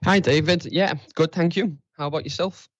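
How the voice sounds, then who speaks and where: A man's voice: a little high, fairly even intonation, moderate pace, no echo. Guest: young man, Liverpool accent, modest and open, dry slightly dull podcast sound. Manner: modest, candid, chatty. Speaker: guest, tech trainer. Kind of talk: casual interview answers.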